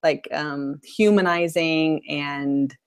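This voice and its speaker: A woman co-hosting a casual fan discussion, animated and incredulous, talking in quick bursts. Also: sits low, smooth. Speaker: co-host.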